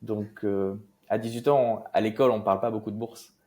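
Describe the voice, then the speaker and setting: Young man, from Marseille, low voice, casual interview guest, hesitant with fillers. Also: steady tone, fairly quick, darkish tone. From Marseille, France. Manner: loose and hesitant, many fillers and restarts. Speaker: guest investor.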